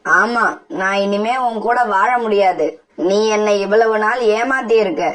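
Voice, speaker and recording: A woman's voice: mid-range voice, measured pace, distant mic, natural voice. A woman voicing a stern, angry father sparrow in a cartoon, curt and harsh. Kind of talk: cartoon voice acting.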